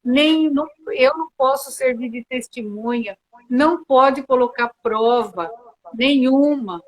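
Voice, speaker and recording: On a video call, a Brazilian woman working as a mediator answers interview questions as a guest, speaking earnestly but often restarting with hesitant fillers. Her voice is high-pitched and measured in pace, and the recording quality is rough.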